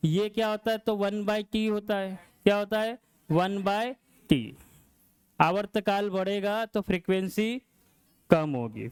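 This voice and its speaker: High-voiced man teaching a science lesson. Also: darkish tone, clean tone, no echo. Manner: repeats questions and answers them himself. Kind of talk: classroom lecture.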